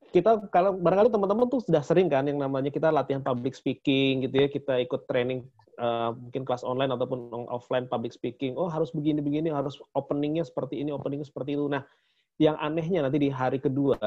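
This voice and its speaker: A man's voice: mid-range voice, darkish tone. A man co-hosting a casual promotional chat about a training, chatty and laughing often. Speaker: co-host of a training talk. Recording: dull lo-fi sound.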